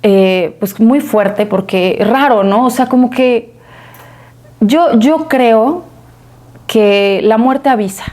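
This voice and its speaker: A middle-aged woman with a Mexican accent, telling a story in a casual interview and filling it with pauses and tag questions. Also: on the high side, darkish tone. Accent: Mexican Spanish. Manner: conversational, many fillers and tag questions. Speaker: interview guest.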